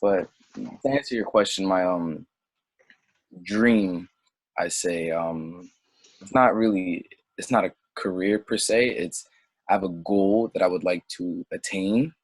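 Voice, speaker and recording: Speaking low and slowly with long pauses, and with no room sound, a young man raised in Senegal answers questions in an easygoing interview. French is his first language; he wanders, questions himself, and drifts into impassioned asides.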